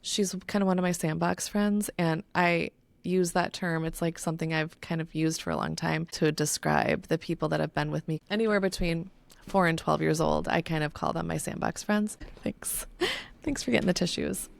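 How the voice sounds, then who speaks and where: A woman's voice: low-pitched, steady tone, normal speed, gravelly. A woman co-hosting a podcast in casual chat. She talks candidly, swears freely and is close to tears. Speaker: podcast co-host.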